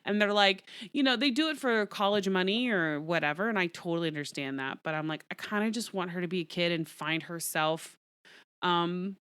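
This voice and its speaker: A woman's voice: fairly low pitch, brisk, a bit bright, smooth, dry recording. A middle-aged woman, a guest being interviewed, chatting candidly and often laughing. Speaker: guest, entertainment reporter. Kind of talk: casual interview chat.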